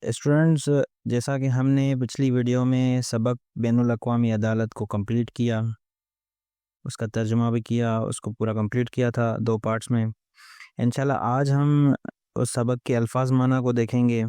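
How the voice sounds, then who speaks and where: A man teaching a vocabulary lesson, explaining word meanings one by one with steady repeated phrasing. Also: medium pitch, clear, resonant tone, dry recording, clean studio sound.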